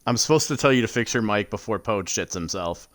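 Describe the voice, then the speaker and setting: A man co-hosting a casual live stream about a sports simulation league, relaxed and full of fillers. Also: lowish voice, brisk. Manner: relaxed, filler-heavy, laughs easily. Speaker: league show co-host.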